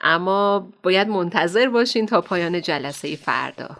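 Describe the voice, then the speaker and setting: An actress playing a kindly, motherly woman doctor who counsels young women, speaking gently and affectionately in a radio drama. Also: on the low side, lively intonation, gravelly. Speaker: counselor at an Islamic center.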